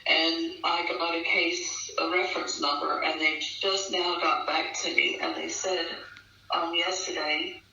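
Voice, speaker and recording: Over an echoey, distant, dull online call with faint noise, a woman guest earnestly recounts a personal experience in conversation. Her low, gravelly voice keeps a steady tone and unhurried pace yet sounds pushed and bright, and she repeats phrases emphatically for stress.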